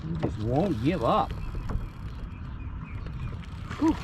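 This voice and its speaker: A man commentates his kayak fishing with excitement, in a slightly high voice that swings widely in pitch. He exclaims in short phrases and often repeats them at an unhurried pace. The recording is outdoors on the water, with clear noise around him. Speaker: fishing vlogger.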